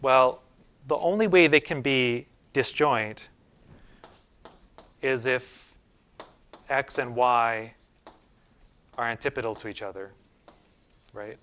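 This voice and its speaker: A man teaching a university math class, talking it through informally as he goes. His voice sits in a middle pitch, and he restarts and checks in with the room often. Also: takes it slowly, long pauses, a bit bright, clear, resonant tone. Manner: informal, thinking aloud with many fillers and restarts. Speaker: university lecturer. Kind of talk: casual classroom lecture. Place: lecture room.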